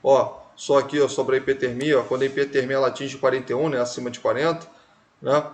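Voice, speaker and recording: A man's voice: mid-range voice, steady tone, fast. A male nursing teacher, lecturing a class in a conversational, emphatic way that leans on tag questions.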